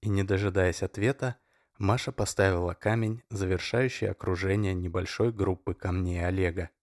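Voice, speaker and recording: Male audiobook narrator, low, measured, dry close recording. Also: fairly even intonation, dry recording. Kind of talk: scripted narration.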